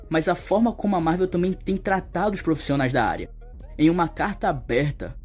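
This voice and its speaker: A young man with a Brazilian Portuguese accent delivers opinionated, colloquial video-essay commentary and gets emphatic when criticizing. His voice is a little high and a little mellow with a breathy edge, recorded as voice-over over background music.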